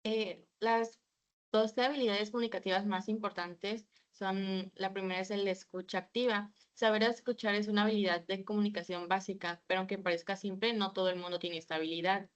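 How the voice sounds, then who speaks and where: A woman's voice: mid-range voice, fairly even intonation, a little fast, lo-fi sound. A woman giving a class presentation, reading from slides with a few hesitant fillers. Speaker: student presenter.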